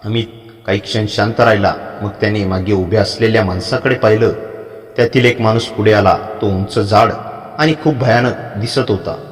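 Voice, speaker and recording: A man narrating a dramatic first-person story in a measured reading style, with a long hall reverb on the voice. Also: fairly low pitch, fairly even intonation.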